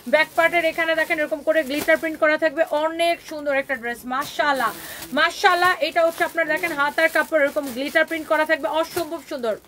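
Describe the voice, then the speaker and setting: Fast, bright-voiced woman selling clothes live. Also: high-pitched, fairly even intonation. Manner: fast, emphatic, repetitive sales patter mixing in English. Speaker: online clothing seller hosting a live sale. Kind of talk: live-stream sales pitch.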